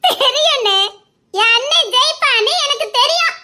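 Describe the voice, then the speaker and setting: A woman voicing a caring young sister in a cartoon, with a Tirunelveli Tamil accent, asking quick affectionate questions. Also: very high voice, animated, sharp tone, exaggerated voice. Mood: curious.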